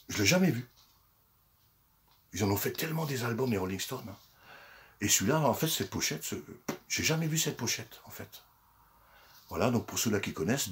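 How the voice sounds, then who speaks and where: A man's voice: medium pitch, slight background noise. An older man chatting casually about his secondhand finds into a phone, with lots of fillers and restarts. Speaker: secondhand collector vlogger. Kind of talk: casual chat.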